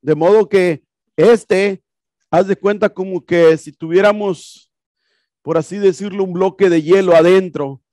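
Slightly slow and fairly even in intonation, this man's high, dark voice carries an HVAC lecture about a projected video. He explains casually, repeats points and poses rhetorical questions, with clean studio sound and no echo in the classroom.

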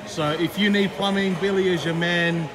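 Aussie guy in his 30s vlogging on a gimbal, chatty and quick, noisy expo floor. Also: high-pitched, steady tone. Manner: upbeat, chatty, fast run-through of booths. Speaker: aquarium vlogger. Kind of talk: walkaround vlog. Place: large indoor expo hall. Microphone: handheld camera on gimbal. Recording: noisy hall with background chatter.

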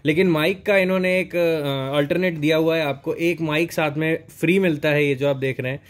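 Indoors at the helmet and riding gear store where he reviews products, a young adult man narrates an unboxing in a relaxed, explanatory way, dropping in English words. His voice is a little high and fairly even, his pace brisk, and the store ambience produces noticeable background noise.

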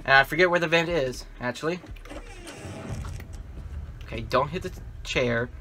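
A man's voice: fairly high pitch, normal speed, bright, forceful tone. A young man giving casual commentary on a horror game, thinking aloud to himself as he plays. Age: young adult. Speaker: gamer playing a horror game with facecam.

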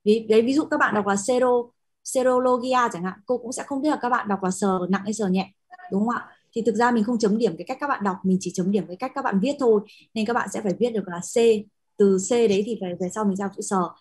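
Fast-talking, husky woman teacher. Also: mid-range voice. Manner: patient, explains with many fillers and checking questions. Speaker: Latin teacher. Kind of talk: classroom lesson.

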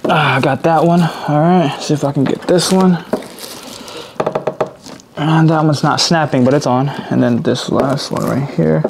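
A man's voice: fairly high pitch, steady tone, measured pace, gravelly, background noise. A young man casually talking through a DIY car repair as he works, laid-back and swearing now and then. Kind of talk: casual hands-on narration.

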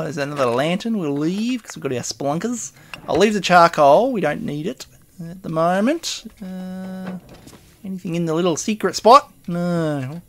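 Chatty gravelly man. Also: high-pitched, fairly bright tone, a little hiss or hum. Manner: chatty, rambling, mutters item names and laughs to himself. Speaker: gaming video host. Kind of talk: casual gameplay commentary.

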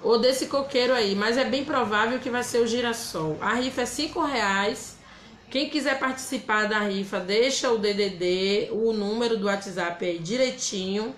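Speaking at normal speed in a fairly high voice, this Bahian woman runs a relaxed live craft demonstration with a Bahian Brazilian Portuguese accent. She's chatty, welcoming viewers by name and reading out what they write. There's a little hiss or hum and a roomy echo.

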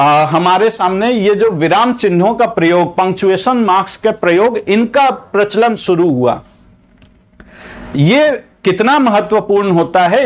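A man teaching an exam-prep lecture, explaining step by step and often rephrasing his points. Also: high voice.

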